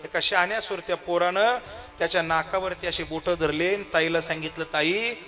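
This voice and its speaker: A male devotional preacher telling a story in a sermon, dramatic, swinging between loud cries and hushed asides, on a stage microphone. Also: high voice, steady tone, a little fast. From Maharashtra. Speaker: kirtan preacher. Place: stage at a crowded kirtan with loudspeakers.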